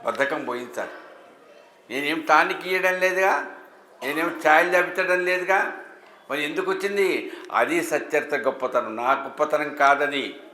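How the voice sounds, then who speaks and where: A man's voice: on the high side, normal speed, pushed and bright. A man giving a devotional discourse to a gathered audience, asking rhetorical questions with emphasis. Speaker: religious speaker. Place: temple hall with an audience. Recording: echoey hall, faint ambience.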